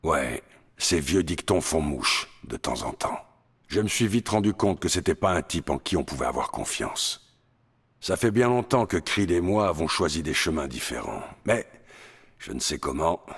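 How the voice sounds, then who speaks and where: An actor playing a gruff, grizzled male mutant brawler from Canada in a French video game dub, blunt and sardonic. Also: a bass voice, very animated, normal speed, exaggerated voice. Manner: blunt, sardonic, laid-back.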